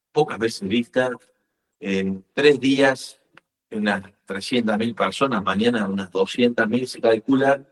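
A man's voice: lowish voice, poor audio. A man, a reporter interviewing on site and repeating phrases for emphasis.

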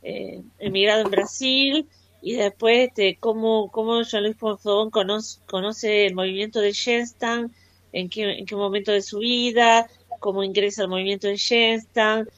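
A woman's voice: mid-range voice, fairly even intonation, a little slow, fairly bright tone, no room sound, highs cut off. A woman hosting a radio interview, hesitant and full of fillers. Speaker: radio host.

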